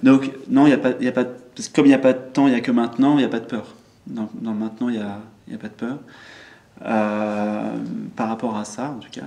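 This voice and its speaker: Calm male spiritual teacher, reflective, hesitant, in a room with echo. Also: medium pitch, fast. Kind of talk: spiritual group discussion. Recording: roomy echo.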